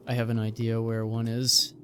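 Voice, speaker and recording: A man does casual gameplay commentary in a medium-pitched voice. He talks offhandedly as he plays, with music in the background. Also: monotone, normal speed. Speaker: gamer playing and voicing a story game. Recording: music behind the voice.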